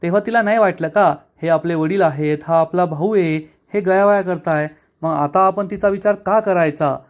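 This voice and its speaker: A stern young brother in a serial recap, heated and unforgiving, as a male narrator reads his lines. The voice sits high and pushes hard. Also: normal speed, natural voice. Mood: angry.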